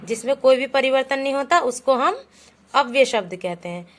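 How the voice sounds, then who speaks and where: A woman's voice: sits high, expressive, moderate pace. A woman teaching a Sanskrit lesson to children, patiently reading each example aloud and then explaining it. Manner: patient, calls the pupils "beta", reads each example aloud then translates it. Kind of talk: classroom lesson explaining Sanskrit words in Hindi.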